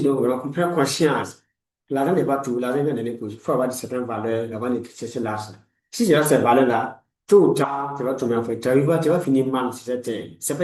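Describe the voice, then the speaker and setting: A man's voice: medium pitch, darkish tone, echoey room, distant mic, rough recording. A man in his forties, a life coach giving a motivational talk in a preachy, repetitive way, full of blessings. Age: 40s. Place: room lined with books, indoors.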